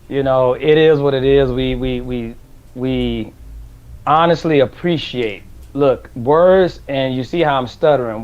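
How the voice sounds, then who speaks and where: A man's voice: mid-range voice, darkish tone, muffled recording. A man co-hosting a radio talk show, speaking emphatically and repeating his points.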